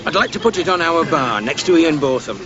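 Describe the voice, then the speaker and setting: An actor playing a chatty local pub landlord making nosy small talk with tourists. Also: male voice, a little high, expressive, fairly quick, highs cut off, crowd noise, natural voice.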